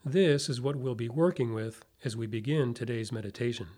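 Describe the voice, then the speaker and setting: A man leads a guided meditation in the manner of a sleep story narrator. He gives gentle instructions without hurry, leaving long pauses between short phrases. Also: mid-range voice. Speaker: meditation teacher.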